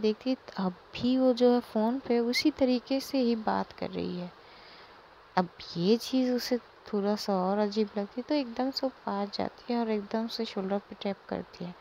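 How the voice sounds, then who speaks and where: A woman's voice: medium pitch, dark tone, a little hiss or hum. A woman narrating a romance story in a casual, plain way, with many fillers. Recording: slightly dull lo-fi recording.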